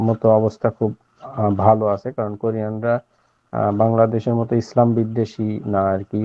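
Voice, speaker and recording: A man's voice: on the low side, dry recording. A man teaching an online language class at night, explaining patiently with many filler sounds and checking that students follow. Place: home at night. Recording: slightly dull dry audio.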